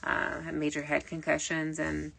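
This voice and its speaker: Low-pitched and monotone, her voice creaky yet a bit bright, a woman speaks at a moderate pace as a spiritual medium. The late-night stream wanders, with plenty of fillers and restarts. Early nineties music can be faintly heard in the background.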